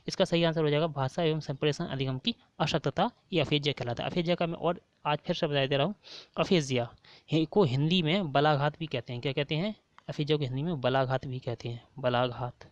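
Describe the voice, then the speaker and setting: A man's voice: on the high side, no room sound. A man with a Hindi accent giving an online exam-prep lesson, repeating each question and prompting viewers to answer.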